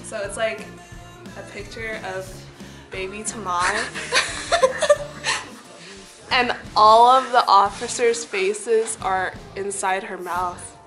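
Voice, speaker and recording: A woman's voice: mid-range voice, fairly even intonation, slow, long pauses, music in the background. A young woman, a taiko club officer, chatting casually with giggles.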